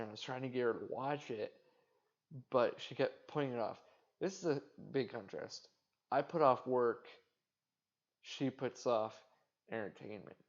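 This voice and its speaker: A man hosting a podcast, rambling casually in a flat, indifferent way, swearing and making fun of himself. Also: mid-range voice. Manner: casual, swearing, self-mocking. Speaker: podcast host. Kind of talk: rambling solo monologue. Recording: dull lo-fi sound.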